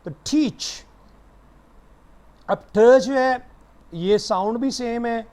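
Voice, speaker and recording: High-voiced male phonetics lecturer. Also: slow, darkish tone. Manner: switches between English and Hindi-Urdu, drilling pronunciations; many "uh" hesitations when starting. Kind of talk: online lecture.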